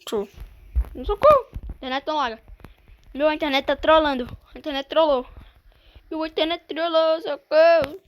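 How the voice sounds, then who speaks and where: A woman with a Brazilian Portuguese accent giving excitable gameplay commentary, often breaking into panicked exclamations. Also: high voice, normal speed. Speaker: gamer streamer.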